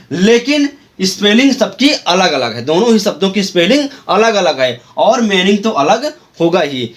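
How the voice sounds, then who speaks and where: A man with a high voice teaches an English grammar lesson at an unhurried pace. He spells words out letter by letter and restates every point in other words. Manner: repeats and rephrases each point. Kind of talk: explanatory video lesson.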